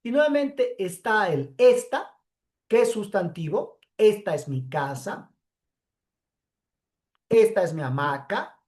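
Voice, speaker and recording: Slow-speaking woman teacher. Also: medium pitch, lively intonation, darkish tone. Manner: slow, explanatory, frequent checking "¿sí?". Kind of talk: pre-recorded class lecture.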